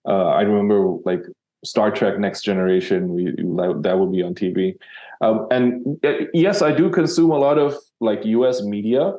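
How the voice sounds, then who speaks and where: A man's voice: lowish voice, normal speed, mellow, lo-fi sound. A man from Sri Lanka, a copywriter guest in an interview, talking casually with many fillers and restarts.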